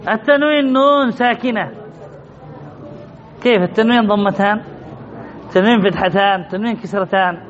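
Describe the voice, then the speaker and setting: A man with a very high voice teaches grammar in an emphatic way, repeating each point and asking his students questions. The recording is dull and lo-fi. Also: moderate pace, long pauses. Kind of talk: classroom lesson.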